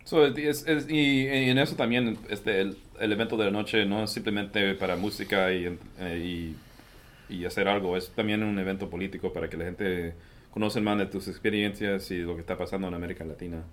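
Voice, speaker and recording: Very low-voiced male interviewer. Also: fairly quick. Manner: relaxed, mixes in English words. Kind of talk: casual conversation.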